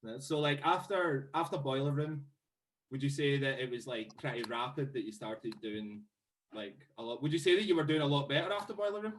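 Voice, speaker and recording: A man's voice: mid-range voice, brisk, a little hiss or hum, rough recording. A young Scottish man hosting a radio show, asking questions in a loose, offhand way. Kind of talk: casual interview chat.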